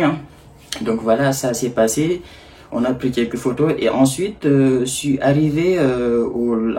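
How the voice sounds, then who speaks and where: Young man telling a story, mellow voice. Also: medium pitch, slight background noise. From Senegal. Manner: animated, laughing, acts out the people in his story. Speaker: vlogger. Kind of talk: casual storytelling.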